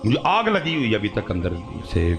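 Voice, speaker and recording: A man with a Punjabi accent preaching a sermon, telling stories and acting out dialogue with passion. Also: huge pitch swings. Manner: impassioned, swings high when acting out dialogue, storytelling. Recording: dull lo-fi with faint music.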